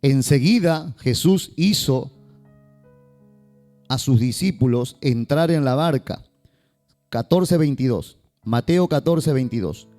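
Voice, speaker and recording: Male pastor, warm lively sermon delivery, faint guitar underneath. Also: medium pitch, slow, long pauses. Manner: lively, joking asides to the congregation.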